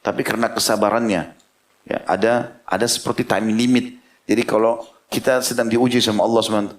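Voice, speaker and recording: A man preaching and telling a story with lively energy, talking straight to his listeners as friends. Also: fairly low pitch, a little fast. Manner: animated storyteller who switches into quoted voices; addresses listeners directly as friends. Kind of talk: sermon storytelling.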